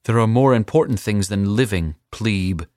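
A man voicing a young captive assassin who is defiant and taunting, in a higher, strained and sneering voice. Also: normal speed, a little mellow, no echo, clean studio sound, natural voice.

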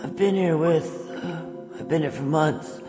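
An actress playing a desperate, bitter elderly woman captive in a dramatized audiobook, halting and rough-spoken. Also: low-pitched. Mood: urgent, halting. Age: older. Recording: long reverb, music underneath.

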